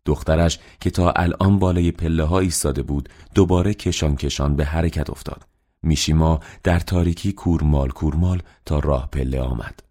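A man reading a novel aloud as an audiobook narrator, in a steady, measured way. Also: very deep voice. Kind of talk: scripted narration.

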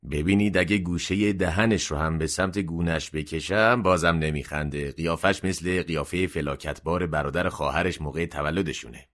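A man's voice: low voice, hardly any pauses, fairly bright tone. A man playing a bald, irritable middle-aged shopkeeper in a narrated story. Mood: matter-of-fact. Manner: curt, irritable.

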